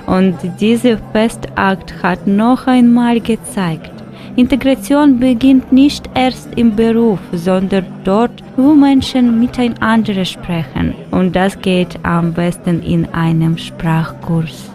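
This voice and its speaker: A woman from Ukraine, a German speaker, reading a radio news report in a careful, deliberate way. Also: mid-range voice, warm tone, faint music behind.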